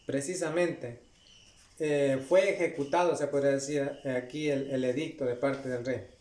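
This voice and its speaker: A man's voice: medium pitch, fairly even intonation, a little mellow. A man preaching a Bible study, reading passages aloud and checking in with his listeners as he goes. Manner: frequent "¿no?" and "ya" tags, unhurried. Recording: echoey room.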